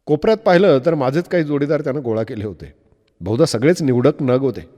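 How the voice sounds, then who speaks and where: A man narrating an audiobook novel with expressive, measured storytelling. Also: medium pitch, highs cut off. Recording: long reverb.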